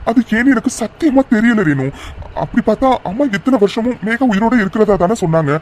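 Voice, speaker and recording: A man voicing a calm, reassuring young adult son in a cartoon drama. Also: high-pitched, fast talker, slight background noise. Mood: earnest. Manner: gentle, reassuring. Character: grown son, calm and soothing.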